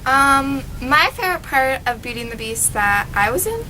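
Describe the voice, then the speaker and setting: Bright-voiced teenage girl, hesitant. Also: sits high, lively intonation, moderate pace, slight background noise, rough recording. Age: teens. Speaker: high school actor. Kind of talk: casual interview.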